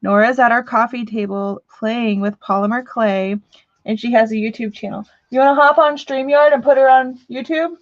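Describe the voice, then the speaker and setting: A woman's voice: on the high side, steady tone, normal speed, no room sound, muffled recording. Chatty woman hosting a home live stream. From Missouri. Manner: chatty, joking, reads out viewer comments. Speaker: live stream talk show host. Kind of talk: casual live stream chat. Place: home living room.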